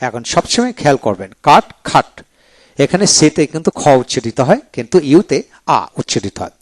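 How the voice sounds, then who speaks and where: A man gives a pronunciation lesson on video. He works through lists of example words and says each one twice, slowly and deliberately, pausing between them to explain. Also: fairly high pitch, sing-song. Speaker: English teacher. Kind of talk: video lecture.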